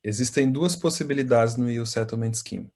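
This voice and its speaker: At an online information session, a volunteer consultant from Brazil explains in a steady manner with many fillers. He has a Brazilian Portuguese accent and talks fairly fast at a medium pitch.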